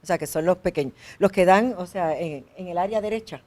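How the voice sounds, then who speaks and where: A woman's voice: lowish voice, brisk, a little mellow. A woman hosting a health interview, asking questions and rephrasing the answers for listeners. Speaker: health show host.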